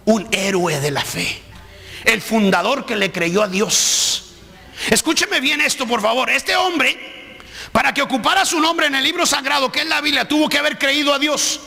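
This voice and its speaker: A man preaches with lively, shouting emphasis. His voice sits very high and has a gravelly edge with a bright, tense tone. The live church recording carries a long hall reverb. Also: moderate pace. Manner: animated preaching, shouting key words. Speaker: pastor. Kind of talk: sermon.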